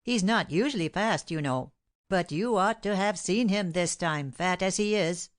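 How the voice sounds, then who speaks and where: Reading aloud with a lowish voice and light acting, a woman voices a sly, boastful male servant in a gossiping mood. She tells his story dramatically, dragging it out.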